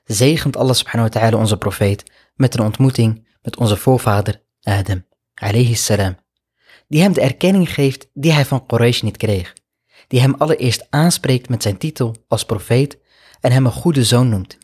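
Man, husky voice, earnest preacher, reflective storytelling sermon, Arabic honorifics. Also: mid-range voice, normal speed, darkish tone. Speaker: Islamic preacher.

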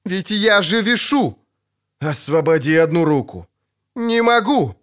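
A man reading an audiobook, voicing a proud, sharp-tongued sorceress in a high, strained, snapping voice. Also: lively intonation, unhurried.

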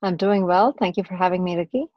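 Woman from india explaining her startup, lowish voice, dull dry remote audio. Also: dry recording. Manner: measured, explanatory, with fillers. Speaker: tech entrepreneur guest. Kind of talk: interview answers.

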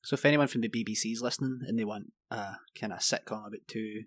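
A man's voice: on the low side, fast talker, dry recording. A young married man with a Scottish accent, co-hosting a casual podcast with dry, teasing asides. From Scotland. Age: young adult. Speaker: podcast co-host. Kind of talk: casual chat.

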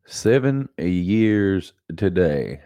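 In a studio-quality, echo-free recording, a man with a low, mellow voice hosts his solo podcast in a very animated way, drawing out his words. Despite allergy congestion, he rambles casually, repeats himself often, and laughs at himself.

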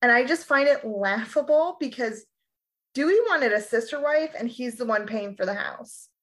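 A woman co-hosting a podcast in casual chat, sarcastic and animated, swearing freely. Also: fairly high pitch, moderate pace. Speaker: podcast co-host.

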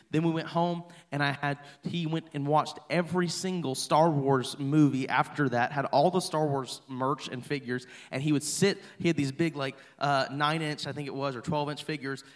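A man in his thirties, a pastor, telling a personal story in a chatty, playful sermon to his congregation. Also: on the high side. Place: church hall.

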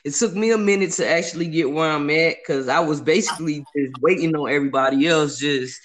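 A man's voice: on the high side, fairly quick. A man in his late thirties, a podcast host speaking in an earnest, plain-spoken, motivational way. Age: 30s. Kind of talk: casual interview chat.

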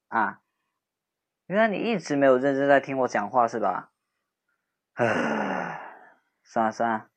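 Snarky young man teasing a childhood friend. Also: medium pitch. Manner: teasing, snarky, then gently soothing. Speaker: voice actor in an audio drama. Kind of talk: role-play audio drama for female listeners.

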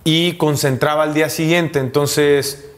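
A man in his thirties with a Mexican accent, speaking candidly as an interview guest, with frequent pauses, fillers and restarts. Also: on the high side, fairly even intonation. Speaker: interview guest, professional footballer. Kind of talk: casual conversational interview.

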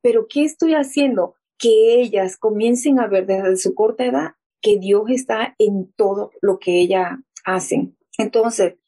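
Earnest woman, warm mellow voice. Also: mid-range voice, a little slow, rough recording. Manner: earnest storyteller, acting out quoted voices.

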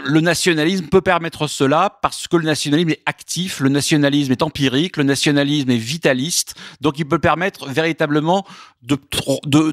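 A man, a guest author in a radio interview, explaining at length in a measured way with frequent hesitations and repeated words. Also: fairly high pitch, no echo, studio quality.

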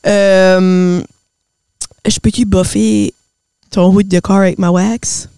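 Québécois woman co-host reacting quickly. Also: mid-range voice, level tone, warm tone, smooth, dry recording. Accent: Québécois French. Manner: quick reactions, English exclamations mixed into French. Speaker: podcast co-host. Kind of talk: casual chat.

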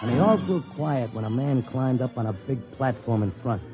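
A man's voice: mid-range voice, lively intonation, normal speed, close to an everyday voice. Man as a wisecracking racetrack clocker, hard-bitten, dull old radio sound with music behind. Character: streetwise male racetrack clocker, cynical, fast-talking. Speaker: narrator and lead character. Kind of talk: 1950s radio drama acting.

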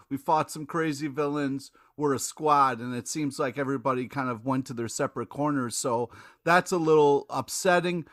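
A man's voice: a little high, fairly bright tone. A man on a casual panel chat, playfully indignant and mock-pleading. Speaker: podcast panelist.

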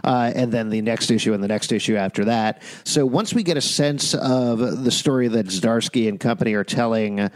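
A man's voice: mid-range voice, normal speed, hardly any pauses. A man hosting a casual comic book review chat, recorded in an echoey makeshift space with a big hall echo. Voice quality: echoing, from an improvised roomy space. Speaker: podcast host. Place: echoey makeshift space, not the usual studio. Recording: echoey room outside usual studio.

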